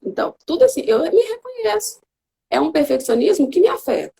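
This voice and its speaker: A woman's voice: very high voice, big pitch swings, fairly quick, vocal fry, warm tone. A Brazilian woman talking earnestly as a guest mother on a live video call, telling her story in a heartfelt way. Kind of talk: casual live video chat.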